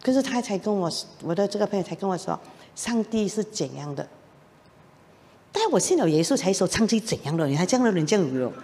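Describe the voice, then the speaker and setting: A middle-aged woman gives her personal testimony to a church congregation, telling it in an animated way and acting out the lines of the people in her story. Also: medium pitch, quick pace, a little hiss or hum. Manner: animated storytelling with laughs and acted-out quotes. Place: church hall. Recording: long reverb of a church hall.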